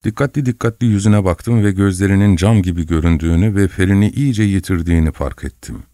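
A man reads an audiobook in a very low, deep voice. His telling is measured and expressive, in the first person. The recording is dry and close, with no room echo. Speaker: audiobook narrator. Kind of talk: scripted audiobook narration.

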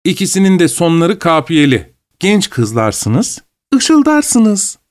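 A man voicing excited teenage sisters who tease and shout in a shrill, singsong way. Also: measured pace. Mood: teasing.

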